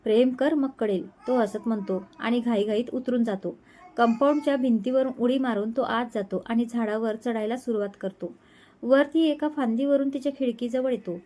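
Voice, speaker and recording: A woman storyteller narrating a romance serial in a gentle, even manner. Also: on the high side, normal speed.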